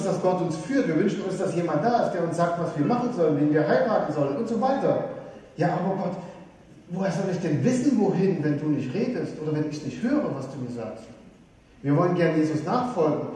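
A man from Saxony preaching a sermon, lively and putting questions straight to his congregation. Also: a little high, brisk. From Saxony, eastern Germany. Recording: echoey hall, voice from a distance.

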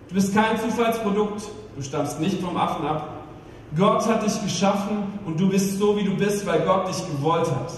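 A man preaching an Easter sermon as pastor, emphatic, with rhetorical questions and slowed-down stresses. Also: high voice. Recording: echoey hall, distant mic, faint room noise.

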